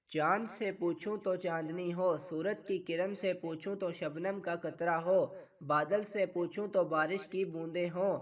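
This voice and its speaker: A gentle romantic young husband, tender and poetic, high voice, as a male reader does him. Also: far from the mic.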